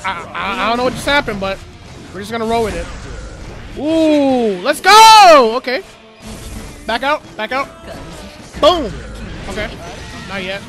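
Excitable young man shouting over a fighting game. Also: high voice, unhurried, pauses often, soft background music. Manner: talks himself calm with repeated okays. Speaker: gaming streamer. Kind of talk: live gameplay commentary.

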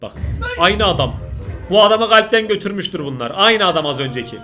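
A young man with a Turkish accent, reacting to prank videos in casual commentary, exclaiming, laughing and shouting. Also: sits high, lively intonation, a little fast, music in the background.

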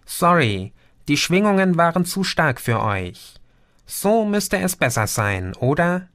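A man voicing a cheerful, talkative male green insect alien with a lively, playful way of talking. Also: a little high, measured pace, pitched above the performer's own voice. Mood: soothing.

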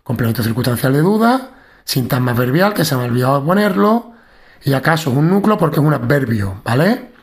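Gravelly-voiced man explaining syntax. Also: mid-range voice, big pitch swings, fairly quick. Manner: explanatory, checks in with "¿vale?". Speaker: teacher.

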